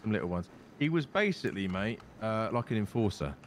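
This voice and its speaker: Fast, animated British man, fairly low. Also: slight background noise. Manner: sweary and matey. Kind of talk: improvised in-character game chat.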